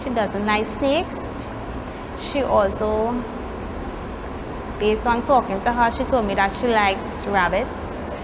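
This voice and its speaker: A woman's voice: medium pitch, slow, long pauses, noisy background. Poised young Trinidadian woman giving pageant answers. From Trinidad and Tobago. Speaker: pageant contestant. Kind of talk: rehearsed pageant interview answers. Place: indoor studio set with pageant backdrop.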